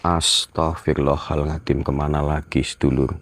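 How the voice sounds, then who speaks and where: A man filming a night ghost-hunt vlog outdoors, talking to his viewers in a hushed, tense voice and often murmuring prayers. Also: extremely low pitch, little pitch movement, normal speed, no echo, studio quality. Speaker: ghost-hunting vlogger.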